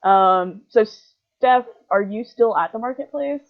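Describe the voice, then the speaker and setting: A woman's voice: mid-range voice, measured pace. Rambling woman game master, lo-fi call. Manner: rambling, heavy on filler words. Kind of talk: narrating a tabletop game over a call.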